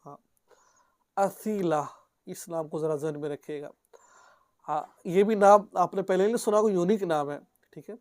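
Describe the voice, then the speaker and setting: Cleric guy teaching names, says each one twice slowly, dry close sound, keeps asking okay?. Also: high-pitched, no room sound. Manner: repeats each word slowly for pronunciation, often asks "okay?"; gently advising, earnest. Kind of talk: religious teaching video.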